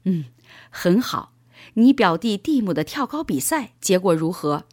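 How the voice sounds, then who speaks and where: Woman reading as a gentle teaching father. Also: on the low side, sing-song, a little slow, no room sound, studio quality. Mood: calm.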